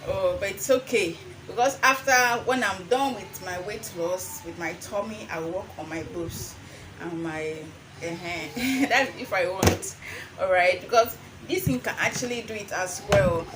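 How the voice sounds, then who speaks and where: A woman's voice: medium pitch, a little slow. Nigerian woman demonstrating informally, noisy recording. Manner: slips between English and Pidgin phrasing; repeats phrases for emphasis. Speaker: herbal remedy seller and vlogger. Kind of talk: informal how-to demonstration to camera.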